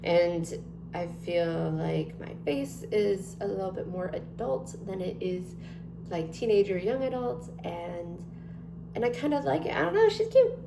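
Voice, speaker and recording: A woman vlogger in her twenties talks casually to camera in a gravelly, sing-song voice of medium pitch, keeping a measured pace while rambling with plenty of ums and likes. An echoey room and noticeable hum mark the recording.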